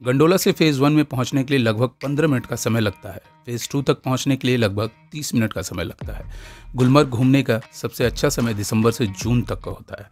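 A man giving a scripted, measured, informative travel voice-over. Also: medium pitch.

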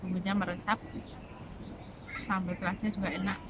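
A woman's voice: medium pitch, normal speed, background noise. Woman chewing while talking, outdoors. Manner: relaxed, savoring, hums between bites. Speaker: food vlogger. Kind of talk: casual mukbang vlog. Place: outdoor garden below an apartment block. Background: outdoor ambience.

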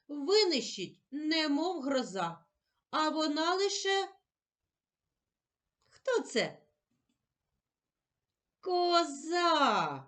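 A woman teaching a children's reading lesson, drawing out sounds and syllables in a clear, sing-song way. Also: sits high. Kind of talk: slow, clearly articulated literacy lesson for children.

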